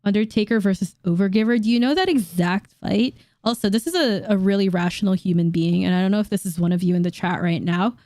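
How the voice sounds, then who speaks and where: A woman in her late twenties reacting to online comments in a casual vlog, blunt and quick to laugh, swearing casually. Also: mid-range voice, mellow, no echo, clean studio sound. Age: late 20s. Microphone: dynamic studio mic.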